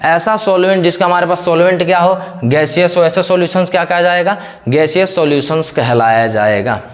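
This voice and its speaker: A man's voice: high voice, brisk. A man teaching a chemistry lecture in Hindi. He asks questions and then answers them himself, repeating the same pattern. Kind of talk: classroom lecture.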